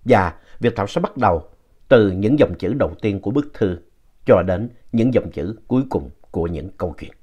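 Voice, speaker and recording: Animated male ghost story narrator. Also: lowish voice. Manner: animated, playful reading with lively shifts in tone. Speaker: storyteller reading listeners' ghost story letters.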